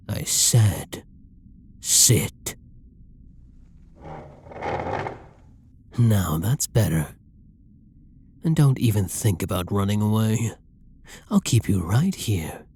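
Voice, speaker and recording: In an intimate ASMR audio drama, a man plays a masked villain who taunts and bosses around his hostage with flirty, condescending menace. His lowish voice is dark and breathy, often near a whisper, very slow and heavily acted, with a commanding, mocking mood.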